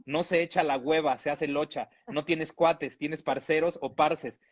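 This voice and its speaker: Guy from mexico reading a funny piece out loud, kinda high voice, chuckly, muffled lo-fi sound. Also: fairly even intonation, a little slow. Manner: playful, amused delivery with chuckles. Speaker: reader. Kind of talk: reading a humorous text aloud. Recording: dull lo-fi audio.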